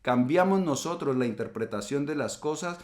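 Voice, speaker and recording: A middle-aged man calmly explaining ideas in a reflective talk, now and then acting out quoted remarks. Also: mid-range voice, moderate pace. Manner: calm explanatory, acts out quoted insults. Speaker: channel host.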